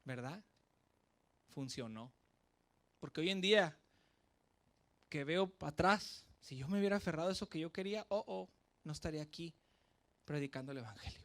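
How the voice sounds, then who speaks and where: A man from Mexico with a Mexican accent, preaching a sermon as pastor with lively shifts between loud and soft. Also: on the high side, moderate pace, long pauses.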